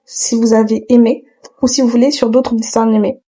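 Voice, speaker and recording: Reaction host: a woman, outspoken and joking, warm mellow tone. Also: fairly high pitch, little pitch movement, fairly quick. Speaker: YouTuber reacting to a cartoon. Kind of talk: casual reaction commentary.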